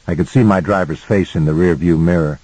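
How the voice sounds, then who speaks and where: Low husky male audiobook narrator. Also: a little mellow, no echo, rough recording. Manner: measured storytelling. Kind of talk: scripted first-person audiobook narration.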